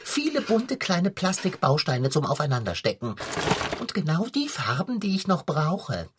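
A woman's voice: sits low, very animated, moderate pace, very noisy. A woman voicing a plump, scheming male tomcat who talks in theatrical, old-fashioned phrases and turns wheedling and mock-innocent. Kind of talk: children's radio play acting.

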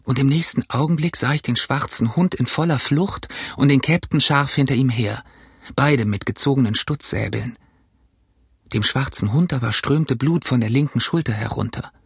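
A man narrates an audiobook with steady, measured storytelling. His voice is mid-pitched and husky, recorded dry and close with no room sound. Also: dry recording. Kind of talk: audiobook reading.

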